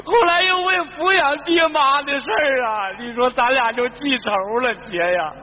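Brief: male actor as a high-voiced, gruff rural uncle who wails loudly, live stage comedy. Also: brisk, slight background noise. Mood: wailing. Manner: wailing and loud in grief, gruff when scolding. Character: hot-tempered rural man, an uncle in his middle years. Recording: muffled stage recording with audience.

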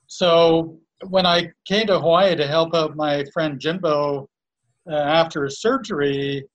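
A man from Canada in a casual conversation, introducing friends in a halting, complimentary way. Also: on the high side, fairly even intonation, lo-fi sound. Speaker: guest and co-host introducing friends.

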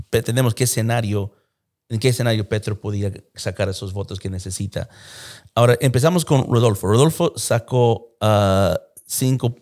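A man's voice: on the low side, a little mellow. A man giving conversational political analysis in Spanish with occasional English filler words, in a Spanglish manner.

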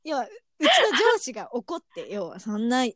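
A woman's voice: on the high side, fairly quick, dry recording, clean studio sound. A woman, chatting casually as a podcast co-host and telling stories bluntly. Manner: blunt, animated storytelling. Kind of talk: casual chat.

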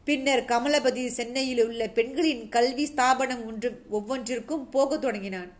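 A woman reading a novel aloud as a narrator, in a steady storytelling manner with occasional restarts. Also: fairly high pitch, moderate pace.

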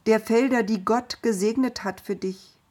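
A woman voicing an old blind father who speaks slowly and solemnly, with a husky voice. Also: on the high side, a little mellow, pitched above the performer's own voice, lightly acted. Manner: solemn, slow blessing voice.

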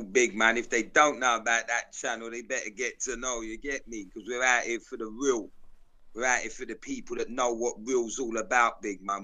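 A videographer appearing as an interview guest tells stories in South London street slang, emphatic, declarative and repetitive. He has a medium-pitched, bright voice and a forceful tone.

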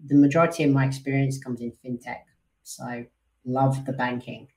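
A man co-hosts a podcast in casual, conversational talk. He has a thick London British accent with a hint of Australian, and an average-pitched voice. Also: little pitch movement, normal speed, darkish tone, low-quality recording. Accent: London British with a tinge of Australian. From London, England. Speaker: podcast co-host and designer.

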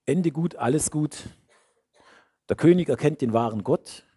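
Husky preacher, swinging loud to hushed. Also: male voice, on the high side, a little slow, no room sound. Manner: emphatic, repeats key phrases, swings between loud and hushed. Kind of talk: sermon.

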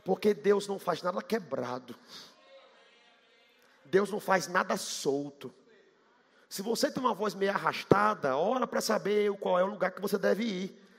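A man from Bahia preaches a sermon with a quick Bahian accent, swinging into sing-song shouts. His voice sits very high, sharp and gravelly. The sound carries a long reverb from a large church hall. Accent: Bahian Portuguese. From Bahia, Brazil.

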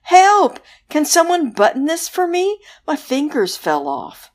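A woman voicing a clumsy, helpless male zombie with squeaky, panicky pleading in a storybook reading. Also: wildly swooping pitch, unhurried, full character voice.

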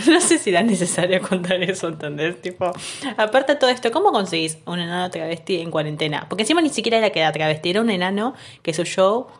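A woman's voice: on the low side, big pitch swings, fast talker. A young woman with an Argentine Rioplatense accent, co-hosting a casual chat in a wry, slangy way. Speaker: podcast co-host.

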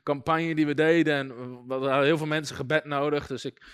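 A man giving an informal sermon on deliverance. He talks in a lively, humorous way, full of anecdotes and chuckles. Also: fairly high pitch, a little fast, clean tone. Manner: lively and humorous, often chuckling and using fillers like "weet je". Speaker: preacher teaching on deliverance.

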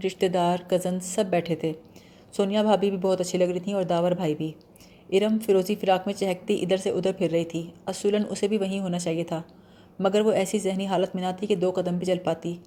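A woman narrating a novel aloud in a steady, measured storytelling voice. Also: medium pitch. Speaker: audiobook narrator. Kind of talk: novel reading.

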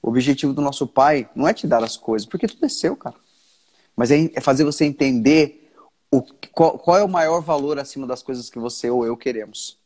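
A man with a Brazilian accent, a pastor talking in an earnest casual devotional chat, often restarting and slowing down for emphasis. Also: medium pitch, a little mellow.

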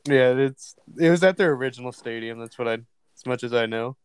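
A man on a podcast recalling a memory in a halting, casual way, with many fillers. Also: medium pitch, clear, resonant tone. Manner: hesitant, lots of ums and likes. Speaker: podcast co-host. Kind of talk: casual storytelling.

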